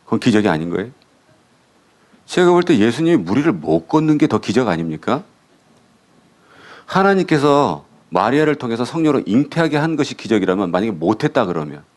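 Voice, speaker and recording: Korean pastor guy preaching, quizzes the crowd then answers, voice swings up and down a lot. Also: mid-range voice. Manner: asks the congregation questions and answers them himself. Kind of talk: sermon.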